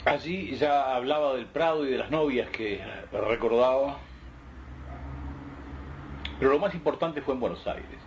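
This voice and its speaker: A man telling a personal anecdote in an interview, unhurried and reminiscing. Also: medium pitch. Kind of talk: anecdotal storytelling. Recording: dull archive recording with faint hiss.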